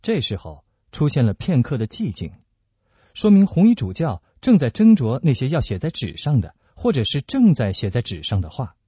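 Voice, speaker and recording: A man's voice: medium pitch, huge pitch swings, normal speed, mellow, slightly rough, dry recording. A man narrating a radio story. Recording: dull lo-fi recording.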